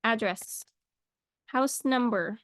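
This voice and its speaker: A woman's voice: on the high side, takes it slowly, fairly bright tone, no echo, clean studio sound. A young woman teaching a casual English lesson to camera, chatty and playful, wandering off into little asides.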